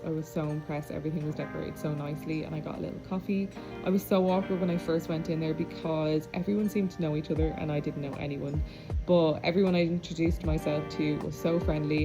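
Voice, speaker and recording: Chatty young woman, low-pitched vlog voice. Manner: chatty, rambling, with frequent ums. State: hiccuping. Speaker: beauty vlogger. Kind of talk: casual vlog chat to camera.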